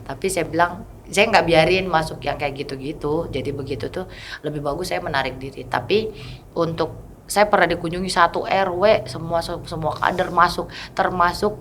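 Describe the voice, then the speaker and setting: Guest, woman in her thirties, low voice, candid storyteller who acts out the lines of the people she quotes. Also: fairly bright tone, a little hiss or hum. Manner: candid storytelling, often acting out what others said. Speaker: mother of a child with a rare condition, interview guest. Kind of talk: casual interview talk.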